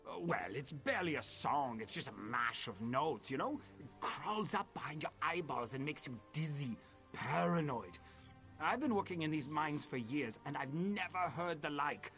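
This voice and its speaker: A man voicing a weary, gruff mine foreman in video game dialogue, blunt and worried for his workers. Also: a little high, animated, moderate pace, fairly bright tone, faint music behind.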